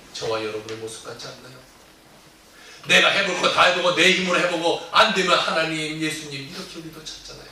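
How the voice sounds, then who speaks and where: Male pastor, animated sermon storytelling, somewhat high voice, roomy hall sound. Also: slight background noise. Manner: animated storytelling, acting out disciples' cries. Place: church sanctuary. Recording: echoey church hall, distant mic.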